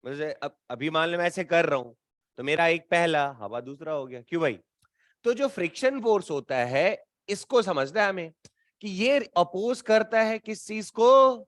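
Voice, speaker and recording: A man teaching physics to a class in a casual, teasing way, bantering with students and slowing down to stress key terms. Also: sits high, fairly bright tone, no room sound, studio quality. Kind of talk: classroom lecture.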